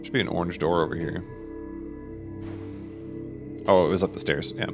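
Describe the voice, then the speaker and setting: A man's voice: deep voice, fairly even intonation, moderate pace, gravelly, over music. A man casually chatting with his viewers and answering their questions while he plays a game on a live stream. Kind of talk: live gameplay stream commentary.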